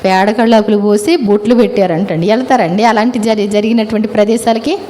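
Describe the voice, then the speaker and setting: A woman's voice: mid-range voice, fairly even intonation, brisk, warm tone. A woman preaching a sermon in Telugu, often turning questions to her listeners and answering them herself. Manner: keeps asking listeners "ఏమండి?" with rising questions.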